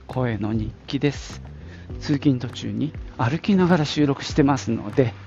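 50s guy rambling his podcast diary while walking to work, gravelly unhurried voice, a bit winded, dull lo-fi sound with wind noise. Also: medium pitch, over music. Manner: chatty, rambling, many fillers. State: slightly out of breath from walking. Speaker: podcast host. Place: outdoors on a street, walking to work.

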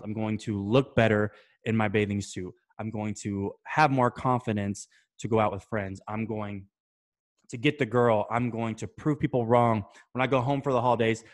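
A young man talking casually to camera, giving habit advice, loose and chatty, swearing now and then and checking in with "right?" and "okay?". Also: mid-range voice. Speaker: self-improvement vlogger.

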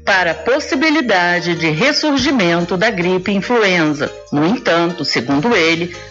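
A woman's voice: lowish voice, expressive, unhurried, a bit bright, lo-fi sound, soft background music. A woman with a Brazilian accent reading a scripted news report as a reporter.

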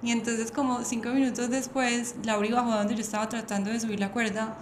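A woman's voice: on the high side, level tone, brisk. A woman hosting a casual podcast chat, telling stories animatedly and laughing often. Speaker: podcast host. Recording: echoey room, faint background noise.

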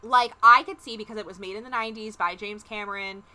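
A woman's voice: medium pitch, steady tone, fast talker, pushed and bright. A woman guesting on a podcast, chatting frankly and casually with lots of fillers. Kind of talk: casual chat.

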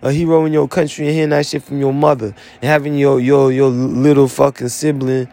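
Gravelly man in a rambling monologue. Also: medium pitch, little pitch movement, a little fast, mellow. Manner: rambling, profane, heavy fillers. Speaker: army veteran sharing his story.

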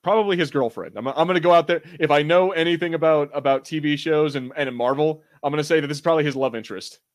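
Recorded dry and at studio quality, this male co-host speaks fast in a fairly high voice. He jokes around, rambles and curses some in casual slang as he reviews a TV show and goes through live chat messages.

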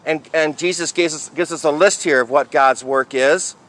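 A man speaking as a priest in a liturgical reading and homily style, with measured, deliberate phrasing. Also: a little high, fairly bright tone. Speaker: priest reading the Gospel and preaching.

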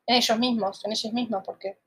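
Chatty Argentine woman, higher voice. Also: steady tone, brisk, a bit bright. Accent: Argentine Spanish. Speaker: podcast co-host. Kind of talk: casual podcast conversation.

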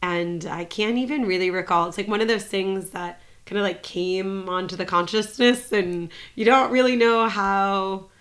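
A woman's voice: mid-range voice, steady tone, moderate pace, few pauses, fairly bright tone. A woman talking as a podcast guest, thinking aloud in a reflective way and using a lot of filler words. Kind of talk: casual conversational interview.

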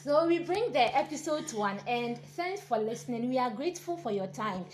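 A woman's voice: fairly high pitch, lively intonation, a little fast, darkish tone. Earnest woman guest in an echoey room. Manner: earnest, encouraging. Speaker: podcast guest. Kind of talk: casual podcast chat.

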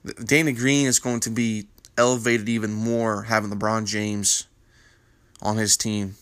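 Congested man talking hoops, bright dry voice. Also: fairly low pitch, little pitch movement, unhurried, clear, resonant tone, no echo. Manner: rambling, filler-heavy, opinionated. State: congested morning voice from a sinus infection. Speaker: basketball news panel host. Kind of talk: casual sports commentary.

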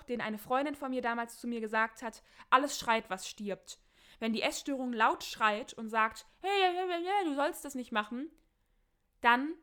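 A woman's voice: a little high, fairly bright tone. A woman hosting a podcast who reads listener letters aloud and answers them in casual, blunt, emphatic advice talk.

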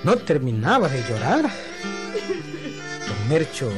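A man tells a comic tale in a chatty, folksy radio style and speaks straight to a listener. His intonation rises and falls in a lively way. Music plays clearly under his voice. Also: a little high, very slow. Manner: chatty, addresses a listener directly. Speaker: narrator.

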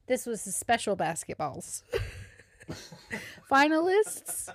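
A woman with a Southern US accent co-hosting a casual podcast chat, animated, laughing often and swearing casually. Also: a little high, takes it slowly, a little hiss or hum. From American South. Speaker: podcast co-host.

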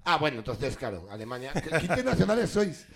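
A man's voice: on the high side, big pitch swings, fast talker, gravelly, a bit bright, slight background noise. Man, comedy show host, joking and swearing, teasing guests, stage show. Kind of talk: live comedy game show hosting. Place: stage before a live audience.

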